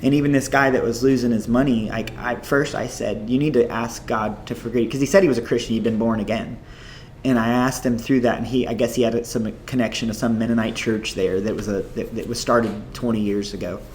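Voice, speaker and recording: A man recounting his missionary experiences in a casual, animated interview. He talks in a chatty storytelling way, stringing his thoughts together with "like" and "you know". His voice sits at an ordinary middle pitch, with a faint hiss underneath. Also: fairly quick. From United States. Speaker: missionary guest.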